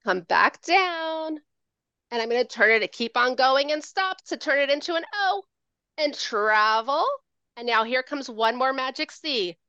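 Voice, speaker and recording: A woman educator giving a playful, animated handwriting demonstration over a video call, calling out strokes in a sing-song teacher voice. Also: high voice, moderate pace, no room sound, highs cut off.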